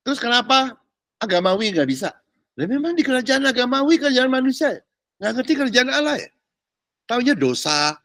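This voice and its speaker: Animated high-pitched male pastor preaching. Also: dry recording, clean studio sound. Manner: animated, mixes casual Jakarta slang and English words, mocking asides. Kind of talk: sermon.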